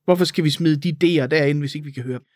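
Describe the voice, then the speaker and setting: A woman co-hosting a podcast in casual chat, ranting in an animated, exasperated way and swearing freely. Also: sits low, no room sound, studio quality. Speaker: podcast co-host.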